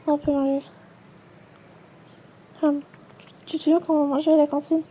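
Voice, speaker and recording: A woman acting out a playful toy role-play, switching quickly between many characters in chatty everyday dialogue. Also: high-pitched, flat delivery, mellow. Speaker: channel creator voicing every character.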